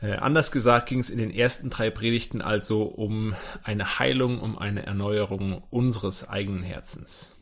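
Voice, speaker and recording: A man's voice: lowish voice, steady tone, normal speed, hardly any pauses, a bit bright. A man who is the pastor, opening his sermon in a conversational way with some filler sounds.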